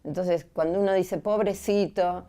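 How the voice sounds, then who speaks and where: A woman on a discussion panel explains her view thoughtfully. Her voice is low and mellow. She often asks rhetorical questions to check that listeners follow. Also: steady tone, normal speed, smooth. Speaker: panel guest.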